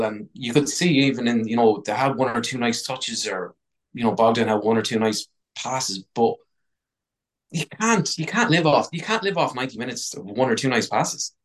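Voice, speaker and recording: A man's voice: medium pitch, low-quality recording. A man with an Irish accent in casual sports discussion, blunt, sweary and frustrated. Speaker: football podcast panellist.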